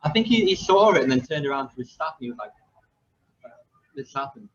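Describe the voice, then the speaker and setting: A man's voice: fairly high pitch, expressive, a little fast, breathy edge. Man in his 20s, coach hosting a chatty podcast; rambling storyteller, slightly muffled recording. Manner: rambling storyteller with many fillers and restarts. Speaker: football coach and podcast host. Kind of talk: casual podcast chat.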